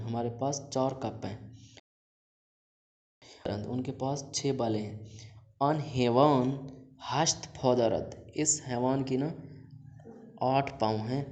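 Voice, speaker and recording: A man teaching a recorded language lesson, his voice sitting at an ordinary middle pitch. He reads word lists slowly, one item at a time, then tells the students plainly what each word means. Now and then he turns to them directly with simple instructions. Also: a little mellow.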